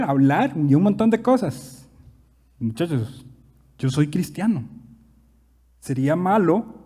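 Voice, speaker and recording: A young man with a Costa Rican accent preaching a sermon as pastor, animated, with big swings in loudness and rhetorical questions. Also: a little high, in a large hall. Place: church.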